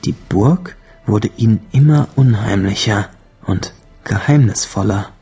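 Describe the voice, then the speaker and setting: A man's voice: fairly low pitch, a little slow, warm tone, husky, soft background music. A man narrating a fantasy audio drama in a scripted storybook style.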